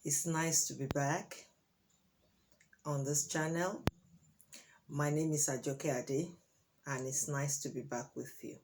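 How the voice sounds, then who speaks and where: A Nigerian vlogger whose first language is Yoruba gives her opinions in a monologue to camera, with a deep voice and fairly even intonation. She speaks deliberately, filling gaps with fillers and pauses, and becomes emphatic on key points. The background is noisy.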